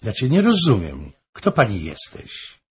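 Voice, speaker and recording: A man's voice: lowish voice, huge pitch swings, a little slow, a little mellow. A man reading an audiobook, voicing a proud young woman who answers firmly and with indignation. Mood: proud puzzled.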